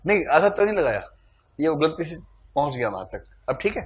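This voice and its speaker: Guy teaching a classroom full of students, keeps throwing questions at them, lively. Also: fairly high pitch, fairly quick. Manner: animated, quizzing the class with questions. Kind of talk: classroom lecture.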